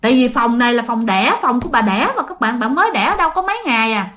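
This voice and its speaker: A woman's voice: on the high side, animated, quick pace, bright, forceful tone. A woman telling a ghost story in a chatty way, speaking to her listeners. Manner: chatty, addresses listeners, many fillers. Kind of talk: casual storytelling.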